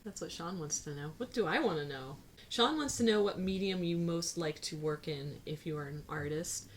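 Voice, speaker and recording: A woman's voice: fairly low pitch, moderate pace, slight background noise, rough recording. A woman co-hosting a casual chat, playful and teasing as she talks. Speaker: co-host.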